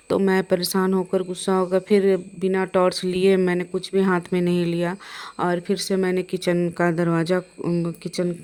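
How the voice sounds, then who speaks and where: A woman's voice: lowish voice, dark tone. A middle-aged woman recounting a frightening personal experience, hesitant, with many fillers and restarts. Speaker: storyteller.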